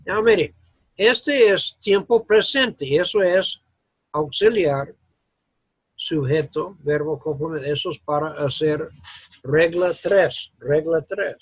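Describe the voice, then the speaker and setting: Un hombre que enseña gramática inglesa en una clase, con explicaciones lentas y entrecortadas, mezclando palabras en inglés. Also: male voice, on the high side, slightly rough, no echo. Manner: slow, halting explanations mixing English words into Spanish. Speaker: English teacher. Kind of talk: classroom grammar lesson. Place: classroom.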